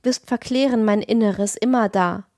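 A woman voicing a young man in love, raised pitch, ardent, pleading, dry close recording, storybook reading. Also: moderate pace, a little mellow, no room sound, natural voice. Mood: rapturous. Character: young male student, feverishly in love.

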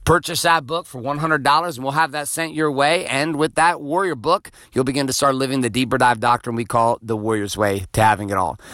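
Blunt, bright-voiced man in his forties. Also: medium pitch, no room sound, clean studio sound. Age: 40s. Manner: blunt, profane, emphatic. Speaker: podcast host. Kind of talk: motivational monologue.

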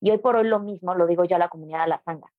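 A woman's voice: fairly low pitch, very fast, no room sound, phone-quality sound. A woman with a Mexican accent, a yoga teacher talking as a guest in a casual interview, emphatic and conversational.

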